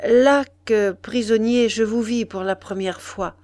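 A woman reading aloud, voicing a gentle, melancholy English lord with short, quiet replies. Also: fairly high pitch, steady tone, measured pace, dry recording, natural voice. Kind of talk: audiobook reading.

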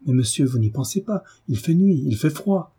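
A man reading a novel aloud and voicing a young wife who answers her husband formally and begs him to calm down. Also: medium pitch, moderate pace, breathy edge. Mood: pleading. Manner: formal and pleading. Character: frightened young mother, pleading, dignified.

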